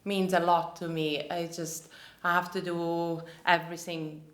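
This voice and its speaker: A woman from Latvia in her thirties, answering interview questions and pausing often to search for words. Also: on the low side, level tone, a bit bright. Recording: echoey room.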